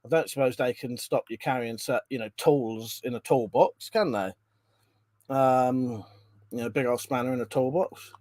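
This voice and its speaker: A mid-range male voice in studio-quality audio with no room sound belongs to a live streamer reading viewer comments. He's congested and coughs occasionally from a cold, and he chats and rambles with lots of ums and restarts.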